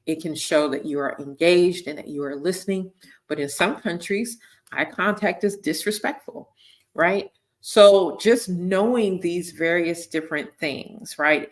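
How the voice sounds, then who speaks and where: A woman hosting a live-streamed teaching talk, speaking conversationally and often checking in with her listeners with "right?" and "okay?". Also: fairly low pitch. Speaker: host, missions team leader.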